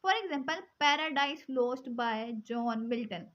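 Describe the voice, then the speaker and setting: A woman teaching English poetry forms, switching between Hindi-Urdu and English and reading English definitions slowly. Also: high voice, lively intonation, fairly bright tone. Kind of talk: explaining poetry forms in a lesson. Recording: dull lo-fi sound.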